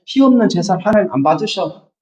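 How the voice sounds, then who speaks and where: Innocent, trusting younger brother Abel, as a preacher acts him out, earnest and a bit higher. The voice rings in a roomy church hall, picked up from a distance. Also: male voice, expressive, fairly quick, a little mellow, dull audio. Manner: naive, earnest.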